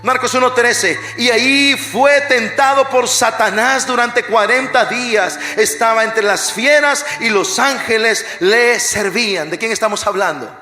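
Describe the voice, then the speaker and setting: Fired-up preacher guy, high bright voice bouncing round a big echoey church, goes from yelling to almost whispering. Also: measured pace, hardly any pauses, faint music behind. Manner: jokes with the congregation. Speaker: pastor. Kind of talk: energetic sermon. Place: large church hall. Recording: echoey church hall, live recording.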